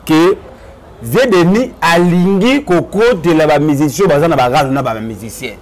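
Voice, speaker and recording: A man, talking in an animated, preachy way on a casual web TV show. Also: on the high side, moderate pace. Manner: animated, preachy, mixing Lingala and French. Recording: crowd noise behind.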